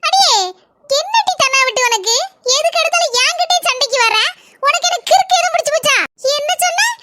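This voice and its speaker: Shrill bickering cartoon wife played by a woman, kanyakumari tamil accent, fast talker. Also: bright, forceful tone, dry recording. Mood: quarrelsome. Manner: scolding, bickering. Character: fiery young village wife, quarrelsome and sharp-tongued.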